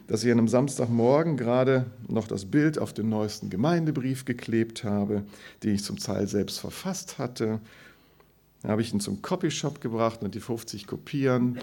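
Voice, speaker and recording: A man's voice: medium pitch, creaky, mellow. A man who is a pastor, preaching a sermon and telling stories about himself with self-mocking humor.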